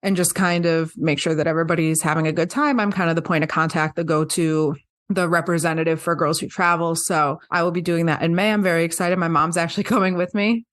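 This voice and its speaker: A woman's voice: on the low side, fast. A young woman from upstate New York, co-hosting a podcast in a casual, chatty way with frequent laughs. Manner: chatty, laughs often, animated storytelling. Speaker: podcast co-host. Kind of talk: casual chat.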